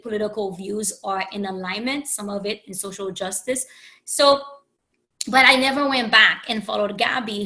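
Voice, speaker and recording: A Haitian woman who hosts a podcast and works as a coach speaks in a sharp, mid-range voice. Her solo talk is a candid, rambling reflection, full of restarts and "you know."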